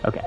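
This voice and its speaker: During a casual gameplay livestream, a male streamer talks quietly to himself, thinking out loud as he plays. His dull, lo-fi mic picks up game music in the background.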